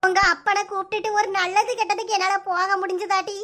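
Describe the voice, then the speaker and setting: A woman putting on a melodramatic village mother in a cartoon, bitter and tearful, wailing her complaints in a Kanyakumari Tamil accent. The voice is pitched very high. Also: level tone, fast talker, pushed and bright. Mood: lamenting. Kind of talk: cartoon voice acting.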